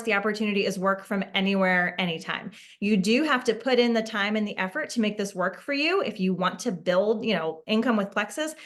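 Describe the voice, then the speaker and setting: A woman speaking as an MLM recruiter on a video call, giving a casual, persuasive testimonial and sales pitch with frequent check-in tags. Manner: chatty, peppers talk with "like" and "right?". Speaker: MLM recruiter and distributor presenting an opportunity call. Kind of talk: casual online sales presentation.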